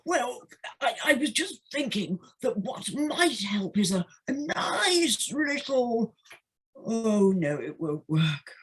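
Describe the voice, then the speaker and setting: A woman's voice: a little high, sing-song, takes it slowly, slightly rough, full character voice. A woman playing an impulsive, scheming male toad in an audio play, with a theatrical, wheedling manner. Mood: sly, wheedling. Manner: theatrical, wheedling, hesitant stammers. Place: living room, recorded over video call.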